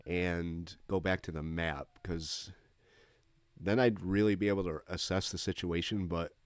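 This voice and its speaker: A man with a very deep voice talks through a strategy game he is playing. He is casual and low-key, thinking aloud, and the sound is close and dry. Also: steady tone, a little slow, no room sound. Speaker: gamer commentating on his own play. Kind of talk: casual gameplay commentary.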